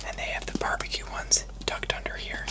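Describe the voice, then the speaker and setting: This ASMR mukbang clip features a food vlogger who talks in a relaxed, chatty whisper, taking her time and keeping near the microphone.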